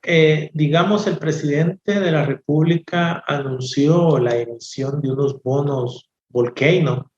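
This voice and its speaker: Slow, measured man on echoey, dull audio. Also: fairly high pitch, darkish tone. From El Salvador. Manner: slow, measured, hesitant with many fillers. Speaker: economist guest. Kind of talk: interview answers.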